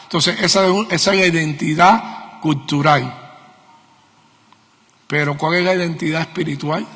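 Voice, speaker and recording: Preaching in a church meeting hall with a long hall echo, a middle-aged man from Cuba speaks with a Cuban Spanish accent. The voice runs on the high side and a bit bright, with fairly even intonation at a normal speed, as he teaches emphatically through questions and repeated key words.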